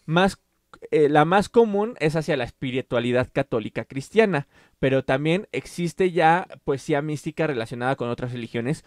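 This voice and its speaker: A man with a fairly high, expressive voice hosts a casual literary podcast, explaining things at length at a normal speed, full of fillers, restarts and self-corrections. The audio is clean studio sound with no room noise.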